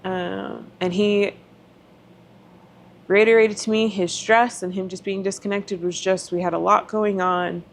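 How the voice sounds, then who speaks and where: A woman's voice: medium pitch, steady tone, unhurried, gravelly, slight background noise. A woman on a podcast telling her story openly and emotionally, acting out past conversations and cursing now and then. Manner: frank, occasional swearing. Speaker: podcast guest. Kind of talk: candid personal storytelling.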